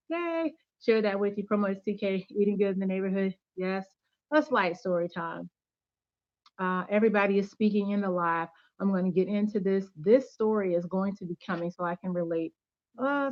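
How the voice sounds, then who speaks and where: A woman's voice: mid-range voice, no room sound, lo-fi sound. Upbeat woman hosting a faith livestream. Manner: chatty, upbeat, greets viewers by name and thanks them. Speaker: channel host giving faith-based teaching. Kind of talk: casual livestream chat.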